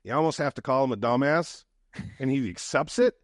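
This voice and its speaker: A man's voice: mid-range voice, fairly quick, no echo, clean studio sound. A man from the Midwest, a real estate investor, chatting casually as a podcast guest in a folksy, storytelling way. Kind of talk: casual interview chat.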